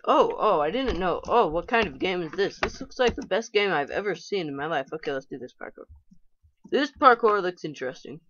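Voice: mid-range voice, lively intonation, a little fast, a bit bright, dull audio. A gamer giving casual let's-play commentary, chatty and talking to themselves with playful frustration. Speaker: gameplay commentator.

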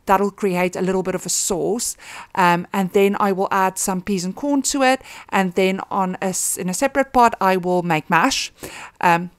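A woman in her thirties talking through a home cooking routine in a relaxed, chatty way, with frequent ums. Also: mid-range voice, normal speed, clean tone, dry recording. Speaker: cooking vlogger. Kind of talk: casual voice-over narration of cooking steps.

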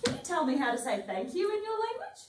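A woman's voice: very high-pitched, wildly swooping pitch, racing. A woman teaching young children, speaking cheerfully and enthusiastically. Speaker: prep teacher. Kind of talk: casual on-camera chat. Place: school room. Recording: echoey room from a distance.

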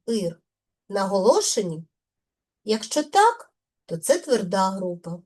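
A woman's voice: a little high, a little mellow. A middle-aged woman teaching a grammar lesson, speaking carefully and stressing each example word.

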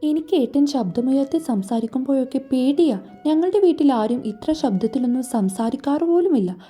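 A woman's voice: sits high, sing-song, a little fast, soft background music. A woman reading a shy, timid young wife. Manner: hesitant, soft-spoken.

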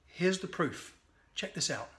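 Man in his fifties, slightly high voice, energetic motivational sales pep talk, phone or webcam in a conservatory. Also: a little slow. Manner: energetic, punchy, exhorting. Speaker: sales speaker. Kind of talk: upbeat motivational to-camera message. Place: sunny conservatory by a garden.

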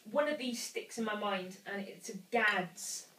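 A woman's voice: mid-range voice, unhurried, fairly bright tone. A woman in her thirties giving her opinions in a casual chat as a beer reviewer. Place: home kitchen, indoors. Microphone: camera a few feet away. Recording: echoey kitchen, distant camera mic, faint noise.

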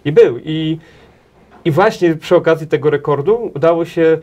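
Speaking into a table mic in a small TV studio, a man in his thirties who runs a transport association answers interview questions haltingly, with many restarts and repeated words. His voice is a little high and darkish, and the recording's highs are cut off.

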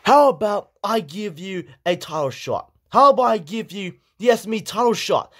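Brash, bossy hedgehog manager, high for a man; a man voices him. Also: full character voice. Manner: brash, commanding.

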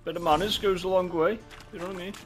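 A man's voice: high-pitched, steady tone, fast, faint music behind. A man giving casual, jokey, sweary commentary while playing a game. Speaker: gamer, let's player.

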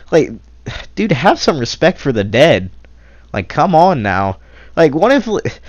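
A man's voice: medium pitch, dry recording. A young man in an angry commentary rant, indignant and exasperated, sighing often and swearing. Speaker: commentary creator. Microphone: console capture mic.

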